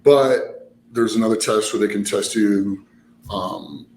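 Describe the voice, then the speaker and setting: A man's voice: on the low side, takes it slowly, darkish tone. A man chatting casually about his own experiences in a rambling, explanatory way. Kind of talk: casual conversational storytelling. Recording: roomy echo, background noise.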